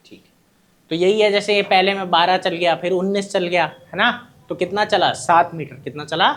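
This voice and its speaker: A man's voice: high-pitched, normal speed, fairly bright tone. A male teacher giving a classroom lecture, who keeps asking his students short questions, answers them himself, and calls them his children. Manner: addresses students fondly as children.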